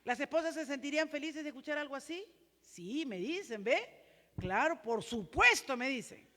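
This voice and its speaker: Peruvian lady pastor preaching, really high strong voice, church hall echo all around. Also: animated, moderate pace, pushed and bright. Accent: Peruvian Spanish. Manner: earnest preaching, often adds tag questions to the congregation. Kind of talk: sermon.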